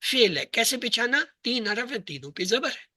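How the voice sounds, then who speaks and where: A man teaching Arabic verb grammar to a class, asking questions and answering them himself, and spelling out letters and words slowly. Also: very high-pitched, big pitch swings, pushed and bright, no room sound. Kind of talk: classroom lesson.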